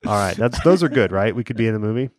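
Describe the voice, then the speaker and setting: A man with a lowish voice co-hosts a podcast, chatting quickly with lively intonation. His casual talk rambles, packed with fillers and restarts. A little hiss or hum can be heard.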